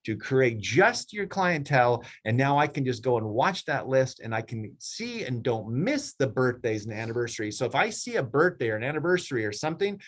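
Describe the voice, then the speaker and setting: A middle-aged man coaches his agents in a loose, rambling team meeting. His voice sits at an ordinary middle pitch and talks at a steady pace. He keeps breaking into raised, playful voices to act out clients. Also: brisk, hardly any pauses. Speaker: real estate team leader coaching agents. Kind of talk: casual coaching talk.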